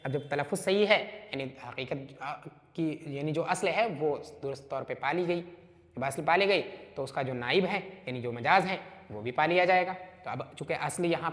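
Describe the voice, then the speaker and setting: Male lecturer, higher voice, walks listeners through a text point by point, room reverb. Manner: explains step by step, often checking "right?"; reads Arabic text then translates and explains it. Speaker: teacher. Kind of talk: lecture explaining a classical text.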